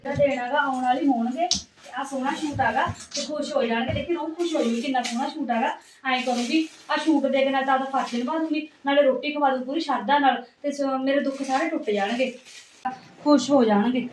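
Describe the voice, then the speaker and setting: A woman's voice: sits high, fairly even intonation, a little fast, echoey room, a little hiss or hum. A woman acting a devout, chatty daughter-in-law in a comedy sketch.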